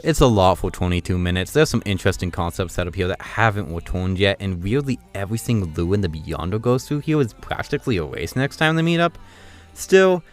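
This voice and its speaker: A man reviewing cartoon episodes in a casual video, talking fast and loud with excitement. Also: fairly low pitch.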